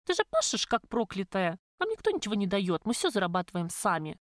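A woman's voice: medium pitch, huge pitch swings, fairly quick, no echo, clean studio sound. A woman voicing an indignant young waitress who talks in a raised, bitter voice.

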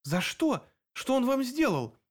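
A man's voice: high voice, sing-song, quick pace, pitched above the performer's own voice. A man reading an audiobook, voicing a young woman heroine who speaks in an alarmed, earnest way.

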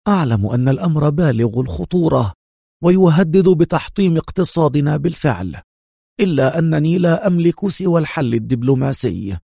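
A man's voice: on the high side, lively intonation, brisk, vocal fry, dark tone, slightly rough, no echo, clean studio sound, pitched above the performer's own voice, full character voice. A man voicing an anxious, cautious male diplomat in a spoken story, with a tense, raised voice.

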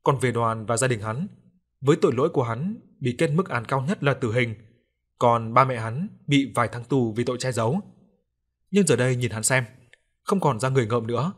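A man giving steady scripted narration of a ghost story. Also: mid-range voice, a little fast, breathy edge.

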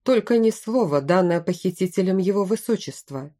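A gruff bandit leader snaps short orders from a hideout, read aloud by a woman. The voice sits mellow and dark. It is plainly an audiobook character. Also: medium pitch, expressive, normal speed, lightly acted. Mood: grim. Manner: curt, barking orders. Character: cornered male bandit leader, tense and gruff.

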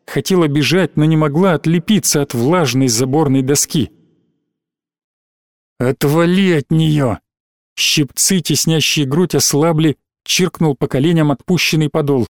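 Man, audiobook narrator, steady dramatic reading, fairly high voice, dry sound. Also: normal speed, few pauses, dry recording.

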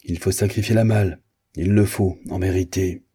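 A man's voice: low-pitched, steady tone, moderate pace, husky. A man reading aloud, playing a fussy, tyrannical captain who barks orders. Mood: commanding. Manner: barking orders, shouting.

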